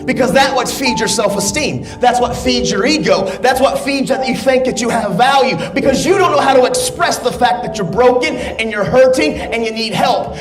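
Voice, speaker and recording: A man giving a booming, impassioned motivational speech to students, driving points home with insistent, rhythmic repetition. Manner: booming, impassioned, emphatic delivery. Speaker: motivational speaker. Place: large echoey hall at a school. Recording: echoey hall reverb with music behind. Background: music.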